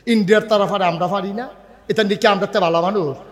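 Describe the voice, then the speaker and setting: High-voiced Bangladeshi preacher shouting in a hall. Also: male voice, steady tone. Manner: rustic dialect, swings between loud shouts and slow drawn-out stresses. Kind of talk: humorous sermon. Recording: reverberant hall.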